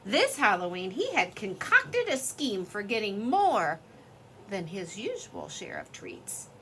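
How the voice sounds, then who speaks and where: A woman reading a children's story aloud in an expressive, lively storytelling way. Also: medium pitch, takes it slowly, slight background noise.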